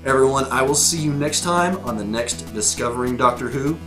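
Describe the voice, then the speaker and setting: A man hosting his own show reviews episodes in casual, rambling talk to camera, his speech loose and packed with fillers and restarts. A sore throat makes his mid-range voice scratchy, and he talks a little fast over background music.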